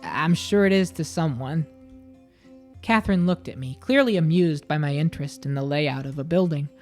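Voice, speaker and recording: A woman's voice: on the low side, a little mellow. A woman streamer reading a story aloud and chatting casually between passages. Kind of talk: casual chat and storybook narration.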